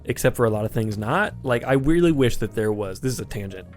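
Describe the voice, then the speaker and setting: Podcast host, man, mid pitch, playful and chatty, faint music underneath. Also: animated, fast. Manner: joking, riffs into impressions. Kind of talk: casual movie podcast chat.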